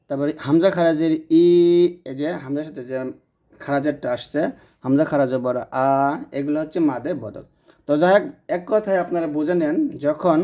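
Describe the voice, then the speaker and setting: A man's voice: a little high, mellow. A man teaching Quran reading rules in a patient explanatory lesson, repeating points and checking that listeners follow.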